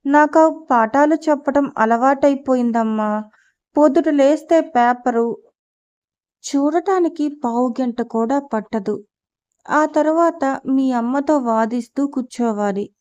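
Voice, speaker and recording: A soft-spoken, patient middle-aged father from a storybook who talks mildly and teases kindly, voiced by a woman narrator. The voice is high, and the recording sounds slightly dull. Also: slow.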